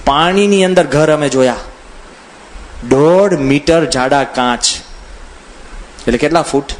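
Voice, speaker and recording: Animated storytelling monk, man. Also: a little high, slow, slight background noise. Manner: animated, acts out quoted voices, chuckles while telling anecdotes. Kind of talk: humorous storytelling discourse.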